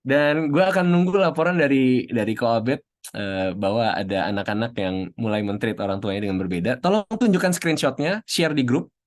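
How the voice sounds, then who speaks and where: A man giving a casual talk to a group on a video call, chatty, acting out little quotes and mixing in English phrases. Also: mid-range voice. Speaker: speaker at an online youth session.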